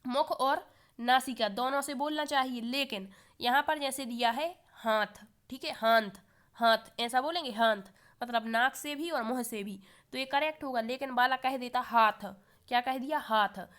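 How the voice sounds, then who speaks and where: A woman with a fairly high, smooth and clear voice teaches an exam-prep lesson. She keeps putting questions to the learners and answers each one herself a moment later. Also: normal speed, a bit bright. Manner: asks the class questions and answers them herself.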